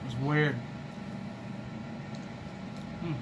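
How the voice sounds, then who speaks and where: A man's voice: a little high, fairly even intonation. Man chewing mid-sentence, mouth full. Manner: chatty, unhurried, trailing pauses between short phrases. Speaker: food vlogger. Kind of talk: casual food review vlog. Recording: noisy room with air conditioning hum.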